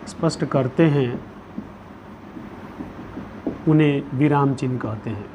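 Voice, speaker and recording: A man teaching a Hindi grammar lesson. He dictates notes slowly, repeats each phrase and puts questions to the pupils. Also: mid-range voice. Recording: dull lo-fi sound with faint background noise.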